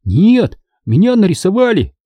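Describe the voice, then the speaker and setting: A man voicing an eager, insistent young boy who shouts and pleads in a high voice. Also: wildly swooping pitch, moderate pace, dry recording, clean studio sound, heavily acted. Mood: excited.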